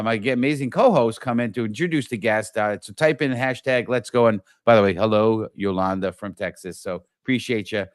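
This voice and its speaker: Brief: middle-aged male host, mid pitch, dead-dry sound, eager and full of restarts. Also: no echo. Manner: enthusiastic, repetitive, many restarts. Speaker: show host. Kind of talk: live-stream talk show hosting.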